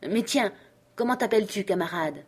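A woman putting on a ragged, half-crazed old castaway, excitable and rambling, his voice jumping up in loud eager bursts. He sounds like a figure from a read-aloud adventure book. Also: mid-range voice, moderate pace, slightly rough.

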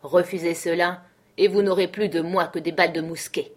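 A woman voicing a crippled old male pirate cook who makes loud, blustering threats in an audiobook. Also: lowish voice, fairly even intonation, moderate pace, close to an everyday voice. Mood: furious.

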